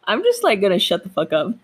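A woman's voice: medium pitch, husky, poor audio. A young woman co-hosting a casual podcast, chatty and self-deprecating, swearing freely. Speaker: podcast co-host.

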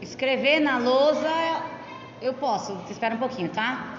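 A woman's voice: high voice, moderate pace, a little hiss or hum. Patient Brazilian woman teacher, echoey classroom. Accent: Brazilian Portuguese. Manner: patient, explains step by step with frequent tag questions. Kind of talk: classroom explanation. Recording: echoey, dull lo-fi room recording.

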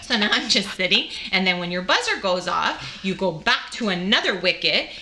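A guest relating her personal cancer story, this young woman talks casually in a mid-range voice at an ordinary pace. Animated, she slips into the voices of those she's quoting.

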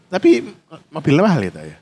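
A man's voice: a little high, wildly swooping pitch, fairly quick, creaky, a little mellow, slightly rough. A man with an East Javanese accent in casual chat, asking lots of questions and making playful wordplay jokes.

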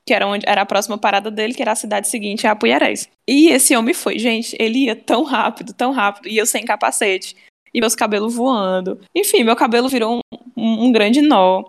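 A young woman with a Cearense Brazilian accent, telling a story in casual chat and acting out the dialogue. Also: a little high. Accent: Cearense Brazilian Portuguese. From Ceará, Brazil. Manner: animated, acts out dialogue, fast. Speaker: storyteller guest.

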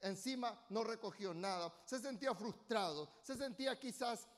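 A man preaching a sermon as pastor, emphatic and rising to loud bursts, often calling for amens from the congregation. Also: sits high, animated, normal speed. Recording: long hall reverb.

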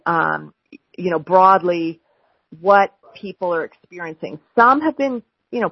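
Woman, American accent, husky voice, halting campaign town hall talk, dry muffled telephone sound. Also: lowish voice. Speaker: city council member running for mayor, hosting a town hall. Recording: dull, lo-fi telephone line.

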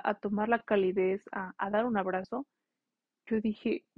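A woman's voice: mid-range voice, no echo. Young adult woman nurse, earnest heartfelt storyteller coaching students; slightly muffled, dry recording. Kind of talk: casual spoken monologue to nursing students.

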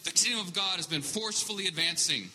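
A man's voice: high voice, fairly quick, pushed and bright. A man preaching a sermon line by line for an interpreter, emphatic and calling for amens. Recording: reverberant hall with faint noise.

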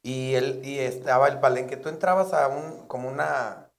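A man's voice: medium pitch, moderate pace, gravelly. A Mexican man, a comedian, telling stories in casual chat and acting out the voices of the people in them. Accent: Mexican Spanish. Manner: animated, acts out shouting voices in his stories.

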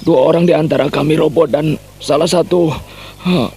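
A frightened henchman pleads with his chief, stumbling over his words with stammered "eh"s. His voice is slightly high and a little rough. He is heard in an old radio play. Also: fairly even intonation, moderate pace, dark tone, a little hiss or hum. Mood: fearful pleading. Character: frightened male henchman begging forgiveness.

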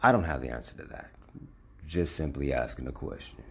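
A man from the United States hosting a podcast, telling a personal story in a measured, reflective way with a wry edge. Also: extremely low pitch, expressive, creaky, loud music behind the voice. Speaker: podcast host. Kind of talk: scripted personal monologue.

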